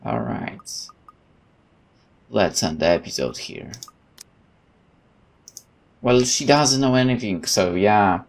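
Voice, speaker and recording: A low-voiced, creaky man narrates a let's play slowly, pausing often. He reads the game text out loud in an expressive way and interjects with commentary as he goes.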